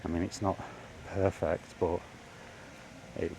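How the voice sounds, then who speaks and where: A male vlogger on a walk under the trees chats and rambles with a wry, grumbling tone. His low voice is creaky and a little mellow, level and slow, and the audio is poor, with faint outdoor ambient noise.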